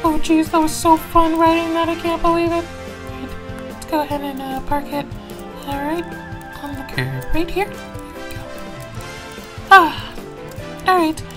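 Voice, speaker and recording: A woman plays Mario, a jittery young racer who stammers and repeats himself over and over. His voice sits very high, and he frets aloud in a fan-made toy video. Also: level tone, unhurried, long pauses, over music. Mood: cheerful.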